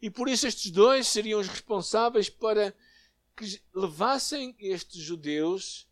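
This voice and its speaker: A man with a European Portuguese accent delivers a sermon in a fairly high voice, earnest and measured. He pauses and hesitates, then rises in emphasis. The recording is close and dry. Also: no room sound. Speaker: preacher. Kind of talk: sermon with prayer and Bible reading.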